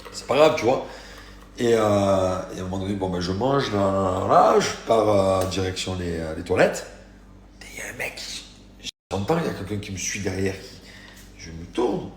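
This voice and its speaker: A sore, tired man chatting casually in a slangy, animated vlog, telling stories with many restarts. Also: deep voice, slight background noise. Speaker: vlogger. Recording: echoey room.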